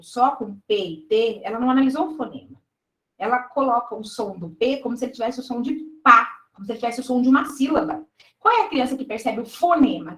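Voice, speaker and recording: A woman's voice: a little high, a bit bright. Woman, Brazilian Portuguese accent, exam-prep teacher, step-by-step explanations, frequent check-ins, echoey room. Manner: explanatory, checks in with students often. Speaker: teacher reviewing exam questions. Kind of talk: live online exam-prep lesson.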